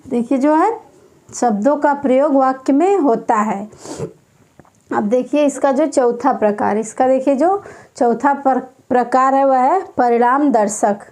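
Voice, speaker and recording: Every grammar term gets repeated several times as this woman dictates slowly to an exam-prep class. Her pitch is high, her tone soft and mellow, and she draws out each phrase.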